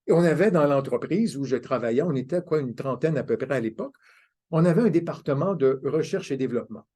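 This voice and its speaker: A man's voice: mid-range voice, lively intonation, fast, mellow. An older man, giving a conference talk as a self-mocking, anecdotal storyteller. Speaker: conference speaker. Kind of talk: storytelling lecture.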